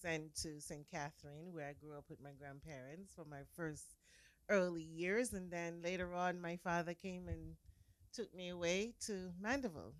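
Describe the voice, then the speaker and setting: Jamaican woman, interview guest, low-pitched, soft and earnest, dry sound. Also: normal speed, no room sound. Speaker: guest, author and preacher. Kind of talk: casual interview.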